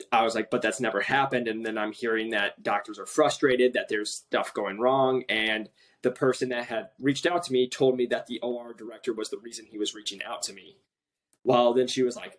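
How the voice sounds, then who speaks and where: A man chatting on a remote podcast call, telling a work story in an animated way and quoting other people, a self-described passionate talker. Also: medium pitch, normal speed. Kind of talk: casual podcast conversation.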